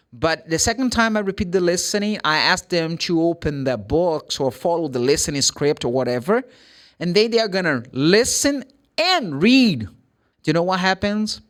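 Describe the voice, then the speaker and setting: In an informal lesson on English pronunciation, a native Portuguese speaker with a Brazilian accent uses a slightly high, very lively voice that swoops up and down. He is emphatic, acting out short examples and asking questions only to answer them himself, much like a classroom teacher.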